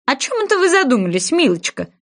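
A woman's voice: high-pitched, very animated, quick pace, voice pushed up. A woman voicing a touchy, hungry female mouse who is stern and easily offended.

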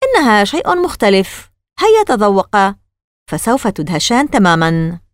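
A woman voicing a scientist father who speaks calmly, evasively and mysteriously. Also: on the high side, brisk, no echo, clean studio sound, pitched above the performer's own voice. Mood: cagey. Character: calm, secretive scientist father.

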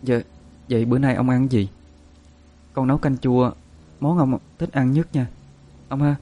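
A man voicing a spirited young woman of nineteen, speaking high and urgent. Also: quick pace, darkish tone, close to an everyday voice. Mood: coaxing.

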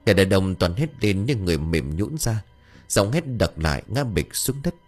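A man telling a ghost story with animated expression. His voice is low and swings widely in pitch, and faint music plays underneath. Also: normal speed. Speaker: narrator.

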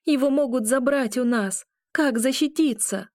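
High, emotional young witch, as the reader puts her on. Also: moderate pace, mellow, no echo, studio quality, natural voice. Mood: angry, panicked. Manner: raised, emotional, pleading delivery. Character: young woman witch, frightened and hot-tempered.

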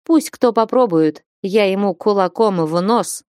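A woman voicing a bold, strapping young northern warrior woman who speaks loudly and bluntly in an audiobook. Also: mid-range voice, measured pace, clean tone, no room sound, studio quality, lightly acted. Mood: hearty. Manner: loud, hearty and blunt.

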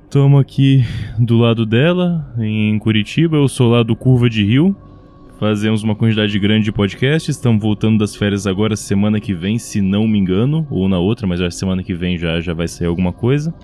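A man's voice: lowish voice, mellow. A Brazilian man chatting casually as a podcast guest, joking and rambling a little. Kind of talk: casual chat.

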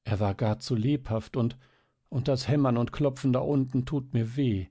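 A man's voice: mid-range voice, steady tone, moderate pace, mellow, no room sound, voice pushed up, natural voice. A man voicing a frail, shy little sick girl in a storybook, pleading and earnest. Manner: eager, pleading.

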